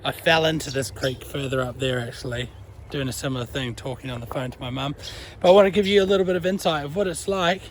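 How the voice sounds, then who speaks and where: A young New Zealand man with a fairly high voice chats casually in a walk-and-talk vlog as he takes his dog along a creek. He's relaxed and talkative, dropping in Kiwi slang, and there's a faint hiss or hum on the recording.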